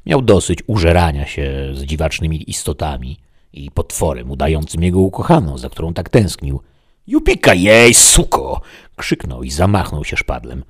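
Very deep, husky male narrator, steady dramatic horror storytelling. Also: moderate pace, no echo, clean studio sound.

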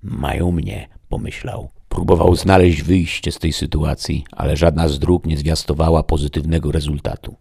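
A man narrating a sci-fi fantasy audiobook in a steady, dramatic storytelling manner. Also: a bass voice, normal speed, gravelly, few pauses, slightly rough.

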